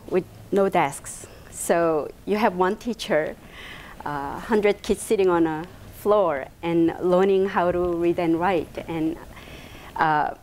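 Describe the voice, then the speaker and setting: An invited speaker, a woman in her fifties from South Korea, talks personally to an audience inside a bright meeting room. Her lowish voice has a Korean accent and comes with a little hiss or hum. She's hesitant, leans on many fillers, and moves her hands animatedly.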